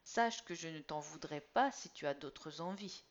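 A woman's voice: low-pitched, animated, a little slow. Woman voicing a tense, restrained father. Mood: cautious. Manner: clipped, holding back anger. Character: tense middle-aged lawyer father, restrained anger. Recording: slightly dull lo-fi recording.

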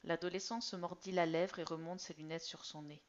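A woman reading a story aloud in a measured, expressive voice that sometimes drops almost to a whisper. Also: lowish voice. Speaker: narrator. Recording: slightly dull lo-fi recording.

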